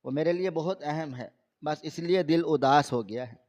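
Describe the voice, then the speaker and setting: A man voicing a frightened, tearful fifteen-year-old girl who answers softly and evasively. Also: fairly high pitch, natural voice. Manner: soft, hesitant and evasive. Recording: slightly dull lo-fi recording.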